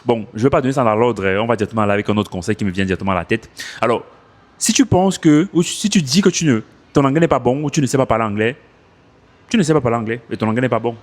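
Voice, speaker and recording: A man's voice: mid-range voice, very fast. A man coaching French speakers on learning English, talking casually into his phone outdoors and repeating his points for emphasis. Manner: animated, repeats himself for emphasis. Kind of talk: casual advice vlog.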